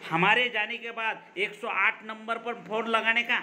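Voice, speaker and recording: A man reading aloud the lines of a rough male burglar who barks threats and orders. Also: high voice, steady tone, unhurried, sharp tone, a little hiss or hum, exaggerated voice. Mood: gruff. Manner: gruff commands in Hindi-mixed speech.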